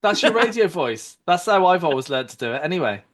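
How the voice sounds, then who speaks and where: A man's voice: on the high side, big pitch swings, fairly quick. A man hosting a podcast interview in a confident radio presenting voice. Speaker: podcast host.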